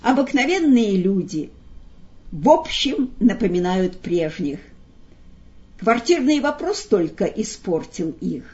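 A woman voicing a dark, lordly male magician who speaks thoughtfully and without hurry in a storybook reading. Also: low voice, animated, lo-fi sound. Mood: pensive. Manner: thoughtful, unhurried.

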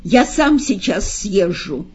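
A blunt, gruff demon henchman from an audiobook, put on by a woman reader, dropping short slow words. His voice is dark and husky, heard through a dull lo-fi sound. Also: medium pitch, very animated, full character voice. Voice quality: curt, blunt.

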